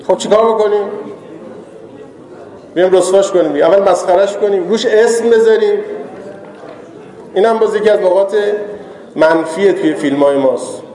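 High-voiced man preaching in an echoey hall. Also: pauses often, warm tone. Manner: conversational, teasing, banters with the audience. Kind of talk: informal sermon. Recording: echoey hall with long reverb.

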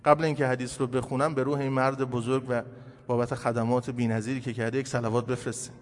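Impassioned preacher in a reverberant hall. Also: male voice, flat delivery, slight background noise. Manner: impassioned, builds to loud emphatic peaks then drops low. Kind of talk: sermon. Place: shrine hall beside a tomb.

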